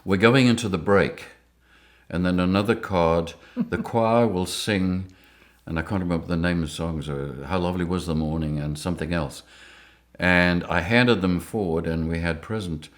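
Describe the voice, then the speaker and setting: An older man from Rhodesia with a deep voice, interviewed for a storytelling piece. He speaks at normal speed, telling lively anecdotes and chuckling often.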